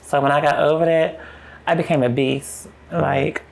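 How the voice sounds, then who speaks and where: Gravelly young woman telling her story frankly. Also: low voice, steady tone, normal speed. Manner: frank, run-on retelling with acted-out quotes. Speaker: podcast guest. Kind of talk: candid personal storytelling.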